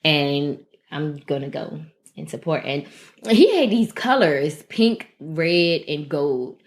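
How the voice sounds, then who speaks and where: A woman co-hosting a podcast, chatting in a relaxed, slangy way. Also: low voice, takes it slowly. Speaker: podcast co-host. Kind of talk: casual chat.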